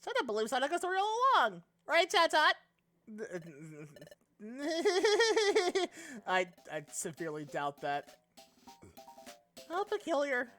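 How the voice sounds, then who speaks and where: A woman's voice: high-pitched, wildly swooping pitch, takes it slowly, pauses often, a bit bright, faint music behind. A woman streaming a game live, chatting casually in a giggly, rambling way and swearing freely.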